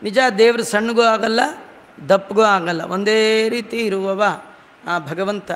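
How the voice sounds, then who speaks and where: A man giving a devotional storytelling sermon, chanting verses slowly and then explaining them in plain talk with humorous asides. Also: sits high, fairly bright tone. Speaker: religious discourse speaker. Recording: long hall reverb.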